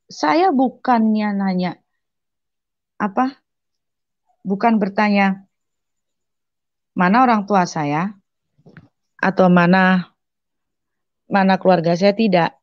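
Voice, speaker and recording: A woman's voice: medium pitch, slow pace, long pauses, no room sound, dull audio. A woman giving a personal testimony in a casual storytelling manner, acting out remembered dialogue with lots of fillers. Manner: animated retelling with quoted dialogue and many fillers.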